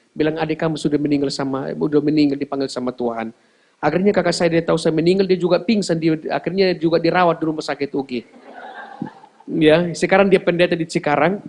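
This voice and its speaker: Excitable man giving a testimony. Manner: dramatic, swings between loud cries and hushed low speech. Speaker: church testimony speaker. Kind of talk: emotional personal testimony.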